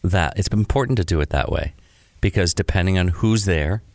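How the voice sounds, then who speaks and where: A man's voice: low voice, brisk, no room sound, clean studio sound. A man co-hosting a music podcast in casual chat, explaining points earnestly and agreeing often. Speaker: podcast co-host.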